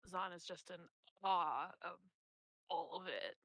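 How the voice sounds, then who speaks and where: A woman describing her character's actions in a tabletop game in a soft, easygoing way. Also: on the low side. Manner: slow, soft-spoken. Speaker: player.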